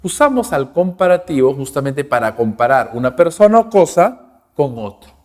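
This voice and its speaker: A man's voice: a little high, very animated, moderate pace, a little mellow. Guy teaching english grammar in spanish, keeps saying ok?, repeats every example word, echoey reverb. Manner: explaining in Spanish with English examples, constant "¿ok?" check-ins; rhythmic, repeats each word with its translation. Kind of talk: recorded grammar lesson. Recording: long reverb, roomy.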